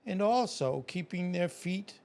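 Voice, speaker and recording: Slow, creaky-voiced man narrating nature facts. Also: sits high, animated, darkish tone. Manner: folksy, digressive, often commenting on his own script. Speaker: narrator and host of an animal video. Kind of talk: nature documentary narration with casual, rambling asides.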